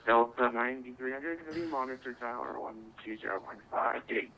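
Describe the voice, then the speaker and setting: A man's voice: medium pitch, brisk, sharp tone. A man working as an air traffic controller over radio, giving procedural instructions in clipped, courteous phrases. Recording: tinny narrow-band radio voice link.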